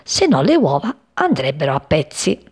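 A woman voicing a calm, caring young female sparrow who reassures softly. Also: deep voice, moderate pace, breathy edge, full character voice. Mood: relieved. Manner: soothing, whispered reassurance.

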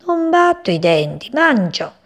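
A woman voicing a tiny, always hungry male shrew who talks quickly and with mock politeness in a storybook reading. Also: on the high side, sing-song, pitched above the performer's own voice. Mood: cheeky.

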